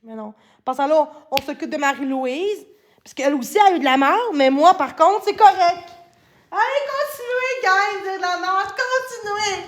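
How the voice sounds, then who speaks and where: Shouting Québécois woman, very high voice. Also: expressive, normal speed. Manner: ranting, heavy swearing, frequent shouting. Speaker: livestreamer. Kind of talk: angry livestream rant.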